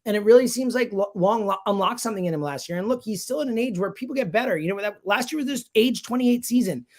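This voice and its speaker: A fast-talking man with a high, somewhat mellow voice analyzes sports in conversation as a guest, drawing on his work as a sports radio host. He hammers his points with emphasis and repetition.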